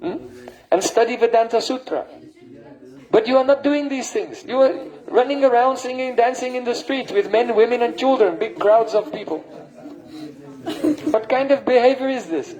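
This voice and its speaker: A man's voice: extremely high pitch, normal speed, darkish tone, poor audio. A man, a spiritual teacher, giving a devotional lecture and often checking in with his listeners with a questioning "hmm?". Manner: breaks into sung and chanted verses.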